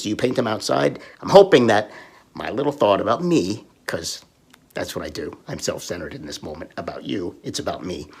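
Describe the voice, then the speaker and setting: A man's voice: medium pitch, gravelly, a bit bright, breathy edge. A man leaving a casual, wry video message, poking fun at himself and at a city. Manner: wry, self-deprecating, offhand.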